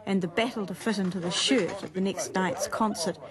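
A woman's voice: mid-range voice, brisk, a loud crowd. A woman reading formal narration for an older television documentary.

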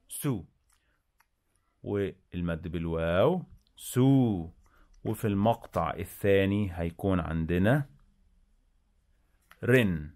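A man with an Egyptian accent teaches reading in a slow, low voice, sounding out each syllable deliberately. Between the drills he gives quicker explanations, and he pitches up on the words he stretches out. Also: darkish tone. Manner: slow, drawn-out syllable-by-syllable enunciation; switches to quick explaining asides. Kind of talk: bilingual reading lesson.

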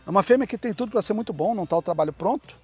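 A man's voice: high-pitched, animated, rapid-fire, darkish tone, breathy edge, soft background music. A man hosting a casual dog vlog, chatting loosely and barking short commands at a dog. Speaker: dog breeder, channel host. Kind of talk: casual chat and dog training outdoors.

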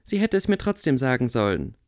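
A man reading aloud, voicing a stubborn, quick-tempered young witch girl in a raised voice. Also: big pitch swings, a little mellow. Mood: indignant. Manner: pleading, raised pitch.

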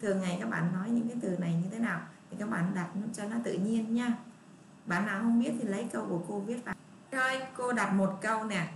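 A woman teacher, patiently leading a first-grade lesson and repeating words slowly for young children. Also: mid-range voice, far from the mic. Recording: echoey room, voice off-mic, faint noise.

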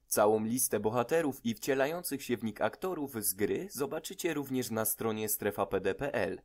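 Calm male channel host narrating. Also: mid-range voice. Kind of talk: scripted narration.

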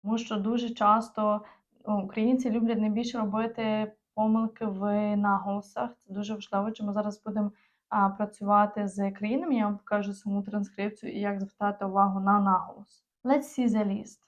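A woman from Ukraine, an English teacher giving an online lesson, explaining patiently and slowing down for example phrases. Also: medium pitch, little pitch movement. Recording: dull, muffled lo-fi recording.

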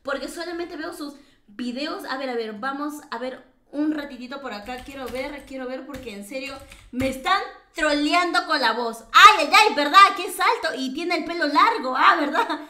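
Animated and forceful, this woman from Peru keeps up casual, teasing chatter during her game stream, peppered with fillers and laughs. Her bright voice sits high, moving at a moderate pace with a Peruvian Spanish accent and a reverberant sound.

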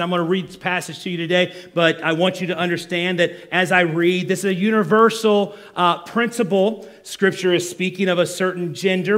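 A male pastor preaching a sermon, animated and acting out the voices of complainers. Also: high-pitched.

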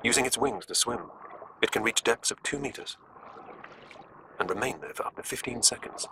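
A man with a British accent narrating a scripted nature documentary with measured, deliberate phrasing. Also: mid-range voice, background noise. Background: music.

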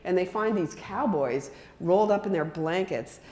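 A woman's voice: lowish voice, normal speed. A woman in her sixties giving an illustrated talk into a handheld microphone in a large hall, chatting with the audience and using many fillers. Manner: conversational, animated with hand gestures, many fillers. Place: large hall with wooden floor. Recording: long hall reverb.

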